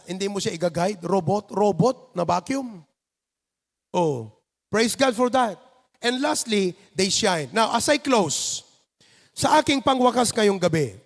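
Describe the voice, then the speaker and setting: A Filipino man preaching a midweek sermon as pastor, animated and acting out people's reactions. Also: sits high, big-room sound. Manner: animated, acts out neighbors' reactions in put-on voices. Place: church sanctuary.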